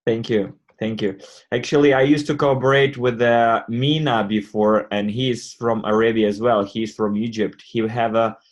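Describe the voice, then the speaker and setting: A man's voice: medium pitch, fairly even intonation, dull audio. Man hosting an online call. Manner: halting, step-by-step explaining. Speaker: host presenting a crypto wallet.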